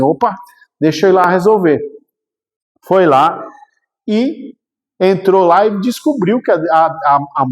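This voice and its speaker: A man's voice: high voice, a little mellow. A man with a Brazilian Portuguese accent, giving a storytelling lecture in a chatty, colloquial way with humorous asides. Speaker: spiritist lecturer. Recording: reverberant hall.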